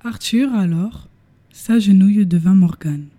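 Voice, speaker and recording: A woman's voice: mid-range voice, unhurried, warm tone. A woman narrating a comic story in a mock radio style, addressing the listeners theatrically.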